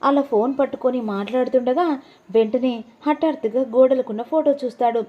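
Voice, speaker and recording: A woman narrating a TV serial recap in a brisk storytelling manner. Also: high-pitched, highs cut off. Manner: brisk storytelling that acts out the characters' dialogue.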